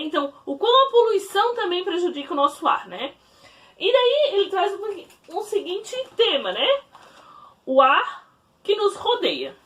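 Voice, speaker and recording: A woman teacher giving a recorded class from home, explaining slowly to children and often checking in with "né?". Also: very high voice, recorded from a distance. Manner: warm didactic, explaining slowly to children with frequent "né?". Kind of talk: recorded remote class lesson. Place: at home, in her bedroom.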